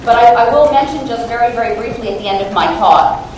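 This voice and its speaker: A woman lab scientist, a guest lecturer, gives an academic lecture in a large lecture hall through a handheld microphone. She is self-deprecating and hesitant with many fillers, speaking quickly in a fairly high voice with a darkish tone. The recording is echoey with the mic far off and carries a slight hiss or hum.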